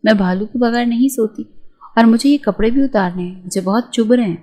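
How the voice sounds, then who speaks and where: A woman's voice: a little high, dark tone, natural voice. A woman reading the part of a naive, childish teenage bride in a spoken novel, with a whiny, pleading way of talking. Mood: fretful.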